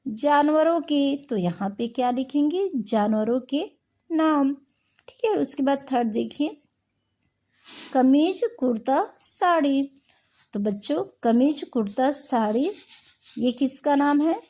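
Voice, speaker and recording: A woman's voice: sits high, warm tone. A woman teacher giving a primary-school lesson, patiently asking questions and answering them herself. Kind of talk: recorded class lesson.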